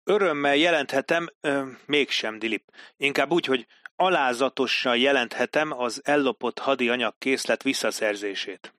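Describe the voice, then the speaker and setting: A man's voice: mid-range voice, a bit bright, no room sound, studio quality, natural voice. A man voicing a pompous, sardonic British army captain in an audiobook, speaking in a raised, mocking tone. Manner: haughty, mocking.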